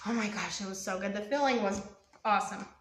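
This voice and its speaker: A woman's voice: mid-range voice, fast, reverberant, background noise. A young woman hosting a live home baking stream in her kitchen, rambling and chatty with lots of ums and asides to her viewers. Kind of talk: casual live cooking demo.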